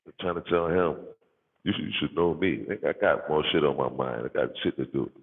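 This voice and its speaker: At a brisk pace, an American content creator with a bassy, gravelly voice rambles casually in slang during his livestream, repeating phrases for emphasis. Boomy, hall-like reverb and a muffled, narrow-band sound come through his bass-boosted microphone.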